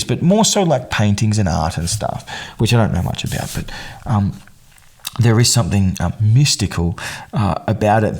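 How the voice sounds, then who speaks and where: A man with a fairly low voice talks casually about a film as the host of his own podcast. He rambles, circles back with ums and restarts, then lifts into quick bursts of amused emphasis. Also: darkish tone.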